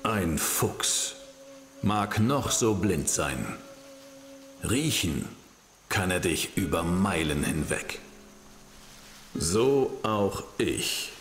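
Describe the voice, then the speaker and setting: An actor playing an ancient blind fox spirit in a video game, a stern gatekeeper speaking in a solemn, archaic, imperious manner. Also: male voice, sits low, big pitch swings, extremely slow, pauses often, a bit bright, a little hiss or hum, heavily acted. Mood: stern, commanding. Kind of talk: video game character acting. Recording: reverberant echoey hall, music underneath.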